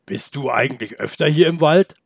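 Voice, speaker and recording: A man voicing a calm, curious male wolf with a rough, gravelly voice, speaking slowly in a storybook reading. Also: on the high side, dry recording, clean studio sound.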